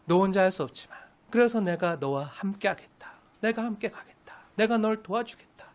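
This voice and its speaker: A soft, reassuring God, as a woman preacher voices him. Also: medium pitch, lively intonation, fairly quick, pitched below the performer's own voice, natural voice. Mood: tender. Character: patient, gentle God speaking to a reluctant man.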